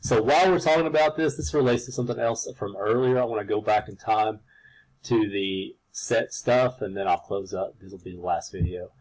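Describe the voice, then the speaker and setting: A man's voice: on the low side, normal speed, darkish tone, rough recording. A man teaching computer science in a recorded screen-share lecture, talking casually with lots of fillers and restarts.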